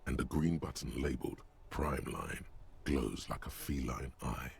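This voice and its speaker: A brooding, wry inner-voice narrator from a video game. His voice sits extremely low, rough with fry and husky texture. He delivers each line in a measured, poetic way. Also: steady tone, darkish tone, no echo, heavily acted. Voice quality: very deep gravelly voice.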